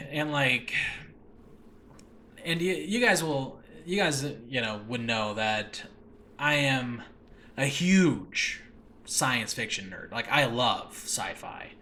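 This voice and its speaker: Speaking slowly with frequent pauses, this man has a mid-range voice that sounds pushed and bright, with lively intonation. He hosts a solo podcast, chatting enthusiastically and unscripted, rambling and interrupting himself, and also writes and acts in audio dramas. The makeshift recording spot is a room in his new home, which lacks a regular recording space, and there's faint noise in the background.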